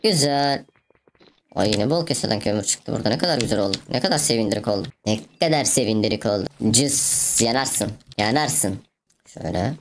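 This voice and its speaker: A woman's voice: very deep voice, lively intonation, fairly quick, a little hiss or hum. A woman giving playful, chatty let's play commentary to her viewers, peppered with mouth sound effects. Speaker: gaming video host.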